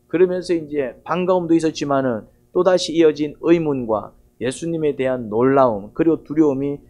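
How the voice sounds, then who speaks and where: A man's voice: on the high side, warm tone. A male pastor giving a Sunday sermon. He retells a story vividly and keeps putting questions to the congregation. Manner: asks the congregation rhetorical questions.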